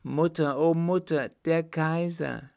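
A man voicing a young peasant girl in a story reading, raising his voice high and bright when she cries out. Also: slow pace. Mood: jubilant.

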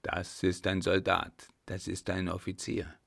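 A man voicing a scheming army captain in a spoken storybook, talking tense and hushed. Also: deep voice, completely flat delivery, a little slow, creaky, exaggerated voice.

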